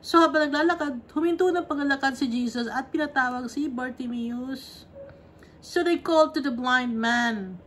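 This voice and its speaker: A woman's voice: high-pitched, normal speed, fairly bright tone, a little hiss or hum. A woman leading a conversational Bible study, reading verses and explaining them, often checking in with her listeners. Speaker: Bible teacher.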